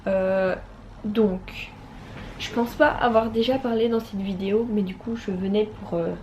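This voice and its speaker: A woman's voice: medium pitch, fairly even intonation, measured pace, warm tone, highs cut off, a little hiss or hum. A young woman and student chatting casually about books for her vlog, with many fillers and restarts. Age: young adult. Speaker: book vlogger. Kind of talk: casual chat.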